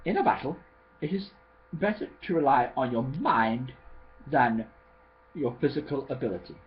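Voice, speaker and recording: A man's voice: mid-range voice, normal speed, muffled recording, lightly acted. A man voicing a slender male vampire politician who speaks in a posh voice, in a homemade storybook reading.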